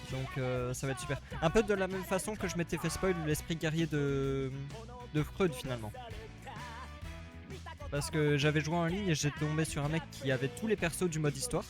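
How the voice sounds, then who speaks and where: A man's voice: on the high side, moderate pace. A man streaming a video game live, chatting casually and rambling, a little tired. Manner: chatty, rambling, repeats himself. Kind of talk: casual live let's-play commentary. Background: faint game music.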